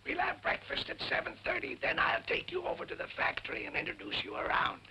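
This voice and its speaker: An actor playing a blustering, cantankerous older businessman with a hoarse, cracking voice, in 1940s screwball comedy banter. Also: extremely high pitch, huge pitch swings, quick pace, bright, forceful tone, full character voice. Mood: pleased, brisk. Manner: indignant, blustering. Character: blustering, cantankerous older businessman uncle who hates music. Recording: noisy, crackly 1940s film soundtrack.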